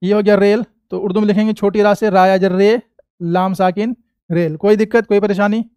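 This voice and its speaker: A man with an Indian Hindi accent teaching an Urdu class, patiently asking questions and answering them himself, saying each sound slowly. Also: high voice, fairly even intonation, darkish tone, smooth, no echo. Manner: patient, asks and answers his own questions. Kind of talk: classroom lesson.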